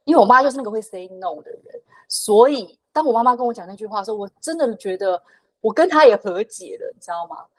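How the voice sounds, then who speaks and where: A woman in her thirties or forties, a podcast guest, telling a personal story in a fast, animated way with many fillers and restarts. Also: fairly high pitch, poor audio.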